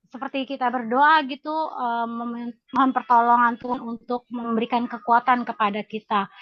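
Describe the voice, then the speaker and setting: A middle-aged woman giving an earnest, emotional testimony on a video call, halting with many fillers. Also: a little high, no echo. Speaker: congregation member sharing testimony. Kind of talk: casual spoken testimony. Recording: dull lo-fi video call audio.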